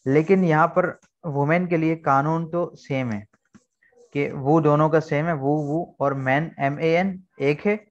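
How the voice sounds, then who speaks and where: A man's voice: on the high side, fairly even intonation, takes it slowly, lo-fi sound. A man teaching an online English lesson, explaining words patiently and repeating key points. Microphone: video call.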